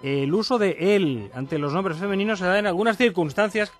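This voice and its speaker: A man's voice: high-pitched, normal speed, soft background music. Man, radio language segment, explanatory, repeats examples, studio mic. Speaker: language columnist.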